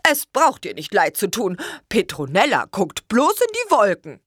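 A woman voicing a smug, cheeky little male apple man with a slow, teasing drawl. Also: medium pitch, wildly swooping pitch, husky, dry recording, studio quality, voice pushed up, heavily acted.

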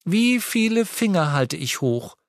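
A man's voice: high-pitched, sing-song, a little slow, no room sound, studio quality, voice pushed up, heavily acted. A man doing a blunt young elf woman. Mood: wary, direct.

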